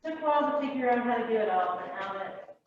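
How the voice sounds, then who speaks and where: A woman's voice: a little high, lively intonation, quick pace. A woman who owns a small studio, chatting frankly and candidly on a video call. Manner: frank and candid, talks to herself. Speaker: studio business owner. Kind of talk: casual chat. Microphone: video call, far from the mic. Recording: distant, echoey, lo-fi call with noise.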